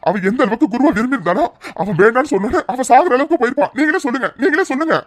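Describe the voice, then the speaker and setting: An earnest, pleading mother in a cartoon, her middle-pitched voice pressing on fast as she begs for her daughter, as a woman plays her. The sound is dry and close. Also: lively intonation, dry recording. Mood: distressed.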